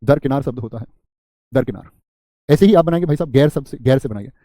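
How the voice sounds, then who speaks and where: A man's voice: mid-range voice, fast talker, dark tone, dry recording, studio quality. A man teaching an exam-prep grammar class live, repeating word lists, quizzing students and answering their chat comments with small jokes.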